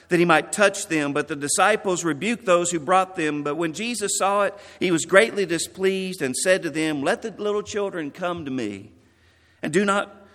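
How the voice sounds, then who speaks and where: Man pastor, measured memorial sermon, slightly high voice, reverberant church sound. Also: fairly bright tone. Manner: earnest, measured, quoting scripture.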